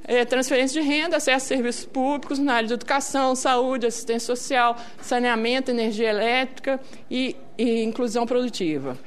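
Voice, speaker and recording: Brazilian lady presenting at a talk, really high voice, chatty with the audience. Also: brisk, few pauses, slight background noise. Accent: Brazilian Portuguese. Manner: conversational, with frequent tag questions. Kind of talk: public talk with slides.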